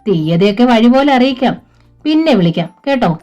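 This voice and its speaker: A woman voicing a smooth-talking male recruiter who coaxes a girl over the phone. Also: a little high, lively intonation, fairly quick, dark tone, highs cut off, soft background music, voice pushed up, close to an everyday voice. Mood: coaxing. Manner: coaxing, persuasive.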